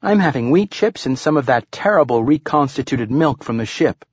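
A man's voice: medium pitch, expressive, normal speed, husky, no echo, clean studio sound, voice pushed up. A man voicing a spirited young girl. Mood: cheerful.

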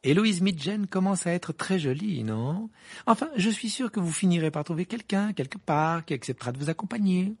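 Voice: medium pitch, lively intonation, fairly quick, gravelly, hardly any pauses, darkish tone, husky, voice pushed up, heavily acted. A reader voicing a haughty, clever teenage witch with acid retorts, in an amateur audiobook reading.

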